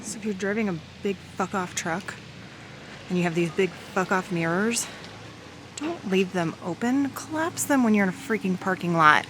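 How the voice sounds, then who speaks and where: A woman's voice: medium pitch, moderate pace, a bit bright, a little hiss or hum. A woman travel vlogger chatting casually and candidly to the camera in an informal way.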